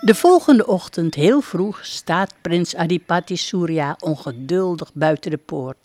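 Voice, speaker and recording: A woman narrating a storybook in a calm, measured way. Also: on the low side, no room sound.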